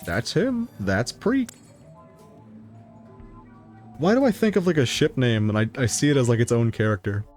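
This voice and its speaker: A man streaming a video game who talks in a loose, rambling way, laughing often and swearing casually. His voice sits at an ordinary middle pitch. Faint game music plays underneath. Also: very animated, moderate pace, pauses often, darkish tone. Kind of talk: casual live-stream gameplay commentary.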